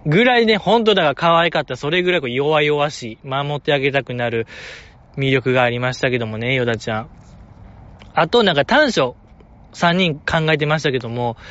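A man's voice: medium pitch, fairly bright tone, muffled recording. A man with a Kansai accent, talking alone as a fan commentator in a playful, joking, exaggerated way. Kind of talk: casual solo talk.

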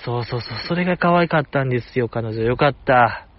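A man with a medium-pitched voice hosts a casual solo podcast, talking a little fast through a dry, muffled recording. He rambles with a fan's enthusiasm and slips in soft self-deprecating jokes.

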